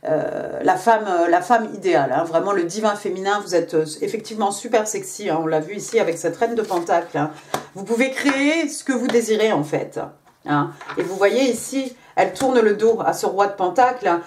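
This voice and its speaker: With a medium-pitched, darkish tone and a slightly fast pace, a woman gives a casual tarot reading amid slight background noise. Her chatty talk is full of fillers and little "hein" tags, and she switches to English for the card text.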